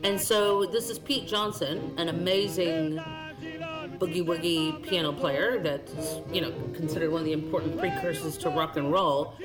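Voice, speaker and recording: A woman guest on a radio show, lively and explanatory as she talks through music, chuckling now and then. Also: low voice, moderate pace. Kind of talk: radio chat. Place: radio studio.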